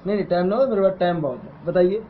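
Middle-aged man, shopkeeper, high voice, irritable, crude swearing, muffled lo-fi audio. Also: very fast, slight background noise. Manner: impatient, erupts into crude swearing. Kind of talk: comic phone sketch. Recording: dull lo-fi audio.

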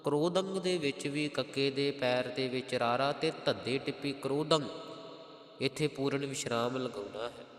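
A man with a Punjabi accent teaching how to pronounce scripture. He chants each verse slowly, then explains its spelling step by step. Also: mid-range voice. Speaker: Gurbani recitation teacher. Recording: roomy echo with long reverb.

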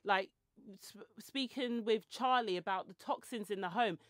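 With a mid-range voice and a slightly slow delivery, a woman in her forties hosts a podcast in a small room full of shelves and clothes rails. Holding a handheld mic close, she chats casually and rambles into tangents and self-deprecating asides. There's no room sound.

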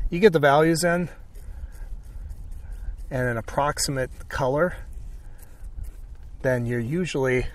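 Recorded from a distance, a man teaches painting informally, murmuring brief thoughts as he goes along. His voice rests at an ordinary middle pitch.

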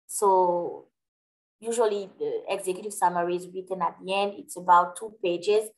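Speaking through a webcam in a live webinar, a French woman with a French accent answers questions, friendly and explanatory but full of hesitant fillers. Her voice is on the low side with a darkish tone and a moderate pace, and the audio quality is poor.

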